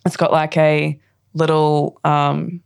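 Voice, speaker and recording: A woman with a low voice and a gravelly edge. She is a poet guest on a podcast who chats easily, laughs often and reads her own poems aloud. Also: level tone, takes it slowly, no echo, studio quality. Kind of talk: casual chat and poetry reading.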